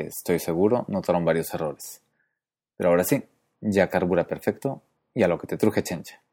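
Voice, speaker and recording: A man hosting a podcast, explaining pronunciation methodically, spelling out letters and repeating sounds slowly. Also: sits low, warm tone. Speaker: podcast host.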